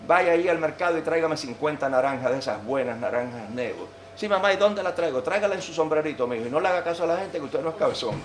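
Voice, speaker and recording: A man voicing a mother who gently coaxes and comforts her son in a folksy way. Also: a little high, animated, fast, few pauses, a little hiss or hum, close to an everyday voice. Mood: coaxing. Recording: roomy church echo.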